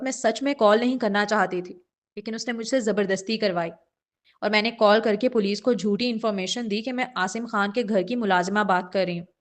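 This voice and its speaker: A woman's voice: medium pitch, lightly acted. A woman voicing a frightened mother who confesses a past ordeal in a first-person audiobook reading, earnest and shaken.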